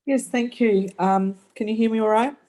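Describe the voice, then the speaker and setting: On a video call during a community meeting, a New Zealand resident with a slight Kiwi accent presses officials with pointed, direct follow-up questions. Her voice is a little high and dark in tone, at a moderate pace.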